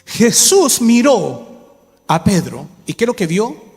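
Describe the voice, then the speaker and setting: High-voiced preaching man in an echoing church. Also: very animated, slow pace. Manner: preaches with rhetorical questions, rising to shouts. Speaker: pastor. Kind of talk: sermon. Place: church hall. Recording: reverberant church hall with music.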